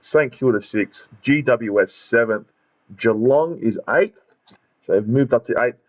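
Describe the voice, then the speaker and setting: A man's voice: medium pitch, a little slow, dull audio. A man with a broad Australian accent hosting a casual football podcast, blokey and given to repeating himself. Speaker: podcast host.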